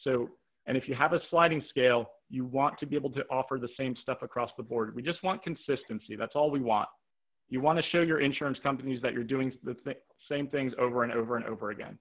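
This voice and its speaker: Running a live webinar with audience questions, a private practice coach talks fast at an ordinary pitch, practical and to the point, circling back to repeat key ideas and tossing in rhetorical "right?" and "okay?" checks. His voice is worn from talking all day, and the video-call microphone makes the sound thin and tinny, like a phone line.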